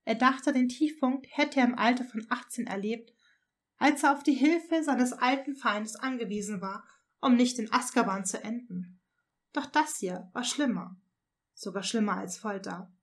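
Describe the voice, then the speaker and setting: A woman narrating a fanfiction audiobook with expressive storytelling. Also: fairly high pitch, normal speed. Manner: expressive storytelling, voicing each figure. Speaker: audiobook reader.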